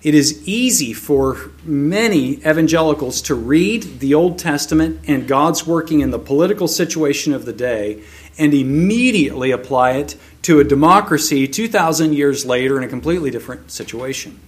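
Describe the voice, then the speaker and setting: A man preaching a sermon, reading scripture aloud in a slow, measured way, then explaining it. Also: fairly high pitch, animated.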